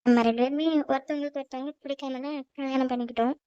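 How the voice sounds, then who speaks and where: A woman's voice: fairly even intonation, warm tone, clean tone, no room sound, lo-fi sound, lightly acted. A woman voicing an anxious young newlywed wife who frets and pleads in a cartoon. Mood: earnest. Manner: high, quick, fretful self-talk.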